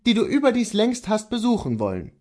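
An earnest, steadfast horse dealer speaks tenderly but firmly to his wife, as a male reader plays him. His slightly raised voice rises and falls with lively conviction. Storybook reading of a classic tale. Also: high-pitched, voice pushed up, exaggerated voice. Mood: earnest resolve. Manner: earnest, measured, gently persuasive.

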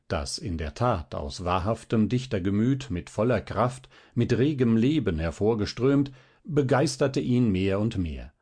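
A man reading a literary audiobook in a measured, expressive storytelling manner. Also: fairly low pitch, slightly rough. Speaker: audiobook narrator.

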